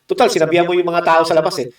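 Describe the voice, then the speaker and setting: A man's voice: sits high, flat delivery, rapid-fire, echoey room, distant mic. A man from the Philippines giving heated political commentary, combative and mocking, with constant rhetorical asides.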